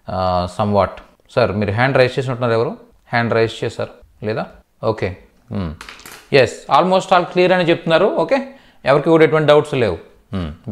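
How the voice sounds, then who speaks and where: A man teaching a live online class, explaining step by step and often asking students whether they understood, drawing out syllables when he spells out sounds. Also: medium pitch. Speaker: Hindi teacher.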